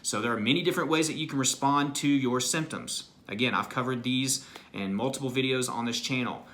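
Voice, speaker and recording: A man's voice: mid-range voice, brisk, a bit bright. A man speaking as an anxiety recovery coach, giving an earnest, motivational self-help talk and often checking in with "right?" and "you know".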